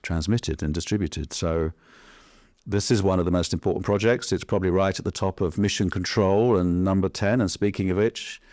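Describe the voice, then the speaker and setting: A man hosting an interview podcast, asking his guest questions in a friendly, measured way. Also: low voice, darkish tone, no room sound, studio quality. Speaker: podcast host.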